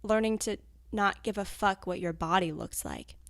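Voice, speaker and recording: Blunt, gravelly young woman, dry close sound. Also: medium pitch, normal speed, dry recording. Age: 20s. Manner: blunt, frank, swears freely. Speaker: anonymous interviewee. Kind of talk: candid recorded interview, cut into fragments.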